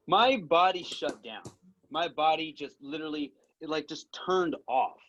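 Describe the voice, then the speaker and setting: A man's voice: fairly high pitch, unhurried, fairly bright tone, lo-fi sound. A young man in casual chat with an old friend, rambling and poking fun at himself as he tells stories. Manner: self-deprecating, rambling storyteller.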